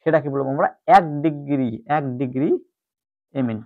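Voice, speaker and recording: A man's voice: medium pitch, moderate pace, vocal fry. A man teaching chemistry in an online lecture, explaining step by step and repeating the key terms. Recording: tinny phone-like audio.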